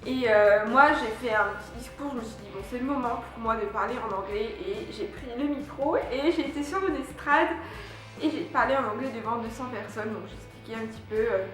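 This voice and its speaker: In a room full of echo with faint music playing, a young vlogger from France recaps her year abroad, speaking fairly quickly in a fairly high voice. Her chatty delivery includes many fillers and restarts.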